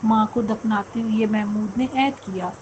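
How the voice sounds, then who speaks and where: A woman narrating a scripted story in a steady, even storytelling delivery. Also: medium pitch, lo-fi sound, slight background noise.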